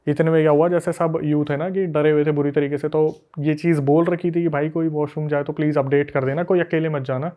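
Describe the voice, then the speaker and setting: A man's voice: fairly high pitch, brisk, hardly any pauses, phone-quality sound. A man telling a spooky story on a casual podcast, retelling it with energy and acting out what people said. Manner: animated retelling that acts out the quoted people. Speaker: guest storyteller.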